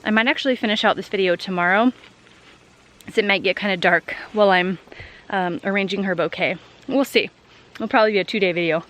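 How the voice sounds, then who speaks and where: A woman chats to her viewers while cutting flowers out in her field. She talks in an upbeat, rambling way, full of little fillers. She is recorded outdoors by a camera set low on the ground. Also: fairly quick, fairly bright tone. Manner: chatty and upbeat, lots of fillers like "like" and "um". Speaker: flower farmer and vlogger. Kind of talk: casual vlog chat while harvesting.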